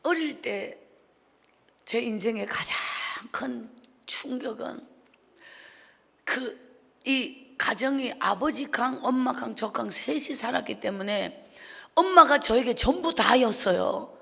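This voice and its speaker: A woman's voice: sits high, gravelly, a bit bright, slightly rough, big-room sound. A woman evangelist, telling a personal testimony in a sermon with rising emotion, in a church sanctuary. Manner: emotional storytelling, swelling to cries. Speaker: evangelist preacher.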